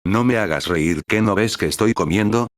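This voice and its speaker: A man voicing a sly, money-grubbing teenage girl in a flat, unimpressed drawl, in a read-aloud story. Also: fairly low pitch, moderate pace, no room sound, studio quality, natural voice. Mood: bored, teasing.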